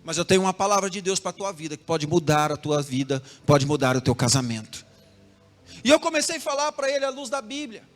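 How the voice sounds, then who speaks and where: A man's voice: sits high, very animated, a little fast. A young man with a Brazilian Portuguese accent preaching a sermon as pastor, telling a story with rhythmic repetition and speaking straight to the congregation. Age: young adult. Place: church hall. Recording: long hall reverb with music behind.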